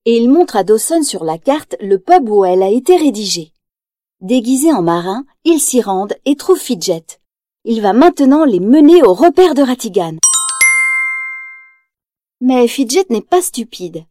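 High-voiced woman reading a storybook. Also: moderate pace, dry recording, studio quality. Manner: lively, acts out quotes in raised voice. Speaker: storybook narrator. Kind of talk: scripted storybook narration.

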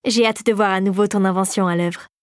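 A woman's voice: medium pitch, steady tone, a little fast, dry recording, clean studio sound, natural voice. A woman reading a storybook and voicing a kindly old uncle, a toymaker, who speaks candidly. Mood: amused.

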